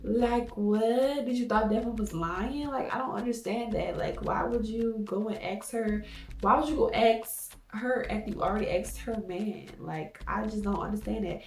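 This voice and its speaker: A woman's voice: on the high side, moderate pace, darkish tone, distant mic. Blunt, opinionated young woman vlogger. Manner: blunt, opinionated, swears freely. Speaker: vlogger recapping a reality show. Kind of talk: casual commentary. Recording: echoey room with faint music behind.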